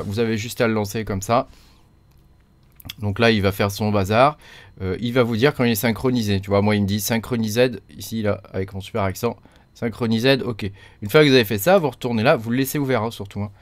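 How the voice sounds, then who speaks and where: A crypto mining tutorial host talks through a casual screen-recorded computer tutorial, chatty and full of fillers and the tag "hein." He has a mid-range voice, and the recording is dry.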